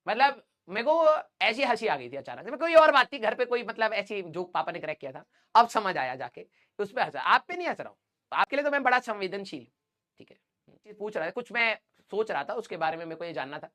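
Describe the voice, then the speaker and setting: A man's voice: high-pitched, bright, forceful tone. Playful, teasing male physics teacher. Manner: teasing, playful, laughs often; mixes English physics terms into casual speech. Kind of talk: joking banter in a live online class.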